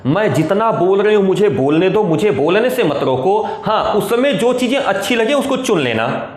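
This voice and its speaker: A man's voice: high-pitched, animated, moderate pace. A man voicing a proud, remorseful queen who pleads earnestly in the first person. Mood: pleading. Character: remorseful queen, grown woman, proud and defiant. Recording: echoey room.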